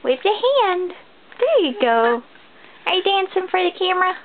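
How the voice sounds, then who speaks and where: Woman, mother cooing at her baby, very lively rising-falling pitch, recorded on a tinny phone. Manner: sing-song, doting, slow and coaxing. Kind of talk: baby talk. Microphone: phone camera. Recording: tinny phone-like sound with faint noise.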